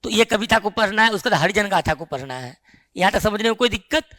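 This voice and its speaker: ऊँची तेज़ आवाज़ वाला पुरुष शिक्षक. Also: male voice, sits high, lively intonation, quick pace, bright, forceful tone. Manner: explains with rhetorical questions to the class. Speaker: teacher. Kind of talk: classroom lecture on the syllabus.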